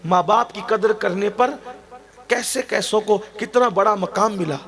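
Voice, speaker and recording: Male preacher, high-pitched voice, emphatic, exhorting, sermon delivery. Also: a bit bright.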